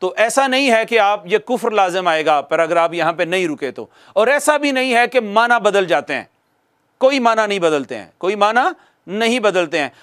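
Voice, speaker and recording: High-voiced male recitation teacher. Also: animated, moderate pace, fairly bright tone. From Pakistan. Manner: patient, repeats key phrases for emphasis. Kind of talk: video lesson to viewers.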